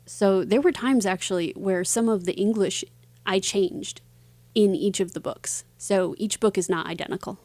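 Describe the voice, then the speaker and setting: In a mid-range, slightly mellow voice, an author talks through her interview answers in a reflective, halting, conversational way. There's no echo on the recording.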